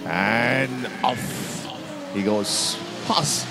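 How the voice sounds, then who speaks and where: A man giving measured, bantering co-commentary at a live drift event. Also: medium pitch, creaky, heavy background noise.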